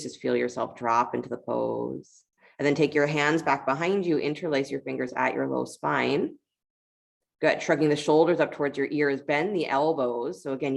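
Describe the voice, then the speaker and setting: A woman leads a guided yoga class, talking through each movement step by step in a friendly, encouraging way. Her voice is creaky and pitched extremely low.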